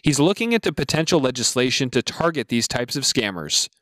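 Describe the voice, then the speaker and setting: A male news reporter narrating a scripted report in a steady, even delivery. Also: medium pitch, fairly quick, dry recording.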